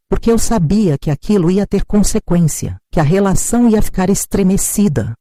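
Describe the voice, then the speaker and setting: An older woman narrating her own story in a hurt, measured way. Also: on the low side, mellow, no echo, studio quality. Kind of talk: scripted first-person narration.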